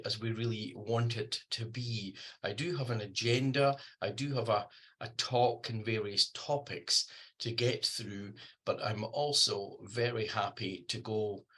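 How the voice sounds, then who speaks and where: Scottish man, bright husky voice, lots of ums. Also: on the low side. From Scotland. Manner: hesitant, many ums and restarts. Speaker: guest speaker. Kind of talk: online presentation talk. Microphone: video call.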